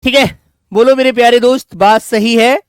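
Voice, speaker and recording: A male teacher giving a grammar lesson to children, slowly dictating and repeating words so they can write them down, and speaking affectionately to his pupils. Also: very high-pitched, steady tone, smooth, no room sound, studio quality. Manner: affectionate, calls students "beta".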